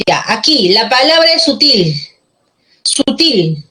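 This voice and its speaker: A woman's voice: a little high, expressive, measured pace, fairly bright tone, rough recording. A woman teaching an online class, patient and checking often that students follow, with a Peruvian Spanish accent.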